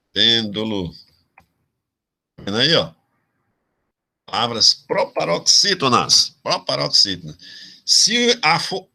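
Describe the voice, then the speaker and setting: Slow, bright-voiced teacher drilling rules. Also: male voice, mid-range voice. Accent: Brazilian Portuguese, Ceará. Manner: drawn-out explanations with frequent "tá certo?" check-ins. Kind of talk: online exam-prep lesson.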